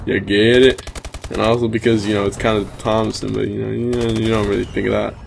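A man voicing a nostalgic old man who rambles slowly and grumbles about the old days. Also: lowish voice, flat delivery, vocal fry, a little hiss or hum, pitched below the performer's own voice. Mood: grumbling. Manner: slow rambling complaint.

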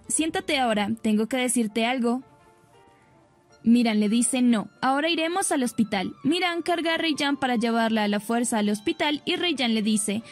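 A woman narrating a soap opera recap, retelling each scene and quoting the characters in her own plain voice. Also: fairly high pitch. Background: faint background music.

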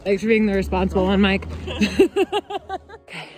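A young woman vlogging on a mountain hike, excitable and quick to laugh, filming herself on a phone held at arm's length. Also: mid-range voice, faint music behind. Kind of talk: casual vlog chat. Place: outdoors on a mountain trail.

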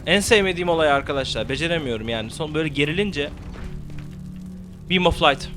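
A young man commentating a game he plays, swearing freely and shouting spell words into his mic. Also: on the high side, lively intonation, fast, music in the background. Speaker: gameplay commentator. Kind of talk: let's play commentary.

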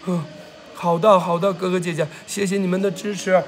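A man from Inner Mongolia, hoarse from a cold, excitedly thanking viewers for gifts on a livestream. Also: sits high, fairly quick. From Tongliao, Inner Mongolia. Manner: excitable, repeats exclamations, shouts thanks. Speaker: livestream host. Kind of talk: livestream gift-thanking chat.

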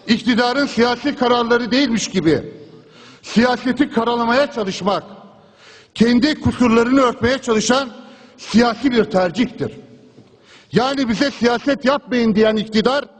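Guy with a really high voice speaking at a rostrum mic in parliament, big echoey hall, fiery speech. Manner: impassioned oratory with a repeated refrain, pressing on through interruptions. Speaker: member of parliament giving a speech. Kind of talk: political speech. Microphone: rostrum microphone. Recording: long hall reverb from a large chamber.

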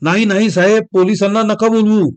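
A man's voice: high voice, fairly even intonation, a little fast, darkish tone, natural voice. A man plays a cowering thief in a storybook, begging for mercy. He pleads over and over in a raised, desperate voice. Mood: pleading.

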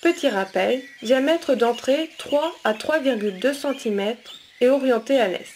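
A woman's voice: sits high, measured pace, darkish tone, slight background noise. A woman reading scripted nature documentary narration in an explanatory way, as the narrator. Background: music.

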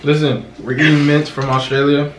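A man's voice: a little high, little pitch movement, normal speed. A young man and YouTuber chatting casually and joking with friends, slipping into Spanish now and then. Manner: joking, laughing, slips into Spanish. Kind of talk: casual chat. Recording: echoey room with loud noise.

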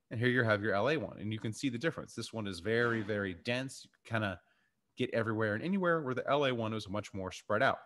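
Middle aged guy with a lowish voice explaining slides like a casual lecture, pretty conversational. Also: fairly bright tone. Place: indoors in a warehouse.

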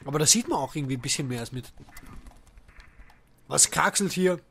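A man commentating a horror game as he plays, swearing and shouting at enemies. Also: fairly high pitch, expressive, fairly quick, gravelly, slight background noise. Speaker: let's play gamer.

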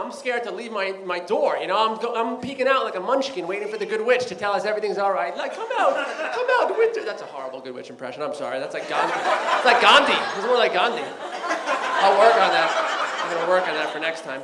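High-voiced man doing stand-up. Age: 30s. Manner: chatty, rambling, lots of "you know" and "like", acts out voices. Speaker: stand-up comedian. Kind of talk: stand-up comedy set. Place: comedy club stage with live audience. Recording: roomy club with crowd noise.

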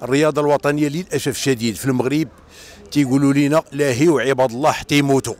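A man's voice: medium pitch, steady tone, racing, a little mellow. A man with a Moroccan accent giving an earnest, lecturing opinion in an interview. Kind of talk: street vox pop interview.

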